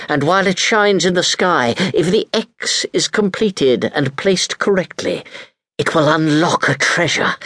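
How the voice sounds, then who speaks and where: A man voicing a wicked pirate captain who growls his words slowly and with menace. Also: fairly high pitch, fairly bright tone, no echo, voice pushed up, heavily acted.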